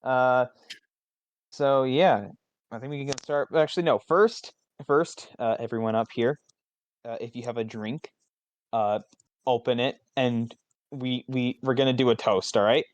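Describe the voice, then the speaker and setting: A man's voice: medium pitch, a little slow, lo-fi sound. A man hosting a live fan fiction reading contest, casual and joking, swearing freely.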